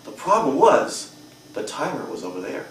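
At a public speaking club in a hotel meeting room, a young adult man delivers a humorous prepared speech with strong emphasis. His medium-pitched voice swings widely at a normal speed, and a far camera captures the echoey room with a crowd in the background.

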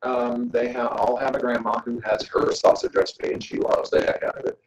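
A man giving a joking, animated lecture to an audience as a guest speaker. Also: medium pitch, fairly quick, gravelly, roomy sound, low-quality recording. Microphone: camera.

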